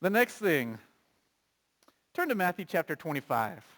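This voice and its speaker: Animated man preaching a sermon. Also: a little high, measured pace. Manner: conversational, animated preaching with rhetorical questions; reads scripture aloud. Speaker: pastor.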